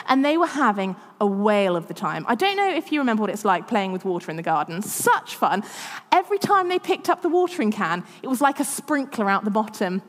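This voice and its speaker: A woman's voice: fairly high pitch, long reverb tail. A woman in her thirties preaching a sermon, chatty and self-deprecating, often laughing at herself. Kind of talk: sermon with personal stories.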